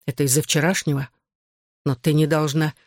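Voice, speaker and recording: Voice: mid-range voice, little pitch movement, brisk, no room sound, natural voice. Reader plays a hot-tempered teen boy, insistent, growling, dry audiobook read. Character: intense hot-tempered male teen athlete. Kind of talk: audiobook dialogue reading.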